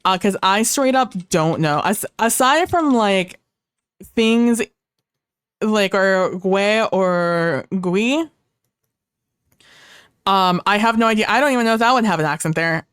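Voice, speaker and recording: A woman's voice: mid-range voice, animated, slow, long pauses, clear, resonant tone, no room sound, clean studio sound. A young woman who grew up speaking Spanish, chatting casually on a livestream as she reads chat aloud and rambles. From Mexico. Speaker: streamer.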